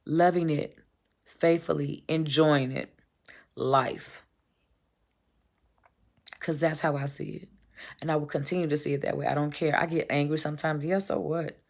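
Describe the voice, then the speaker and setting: A woman's voice: low-pitched, fairly even intonation, moderate pace, vocal fry, long pauses, a little mellow. A woman giving an emphatic, blunt motivational monologue, swearing casually and calling the listener baby. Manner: emphatic, preachy, repetitive. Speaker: vlogger.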